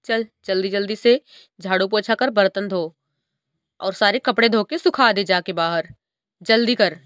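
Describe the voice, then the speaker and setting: A woman's voice: mid-range voice, a little slow, a bit bright, dry recording, clean studio sound, close to an everyday voice. A woman voicing a cruel stepmother bird in a cartoon story, harsh, taunting and bossy. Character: cruel, scolding adult female stepmother bird.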